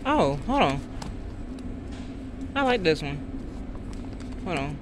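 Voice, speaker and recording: A woman with a low-sitting voice speaks slowly yet very animatedly while shopping for her family vlog. Her casual chat is peppered with ums and hesitations, on a noisy phone recording.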